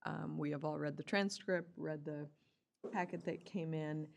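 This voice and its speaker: Low voiced woman on a county board, chatty and a bit halting, faint hiss. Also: fairly even intonation, gravelly. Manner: casual, halting, self-correcting. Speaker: county commissioner. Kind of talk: public meeting remarks.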